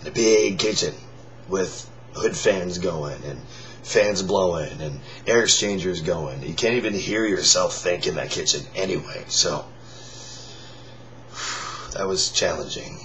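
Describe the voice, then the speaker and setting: Deep, hoarse man with almost no voice. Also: a bit bright. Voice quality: raspy, breathy whisper-like hoarseness. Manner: halting, rambling. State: lost voice, forcing air through a strained throat; tired. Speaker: singer in a band, vlogger. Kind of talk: casual solo chat to viewers. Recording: dull lo-fi sound with faint noise.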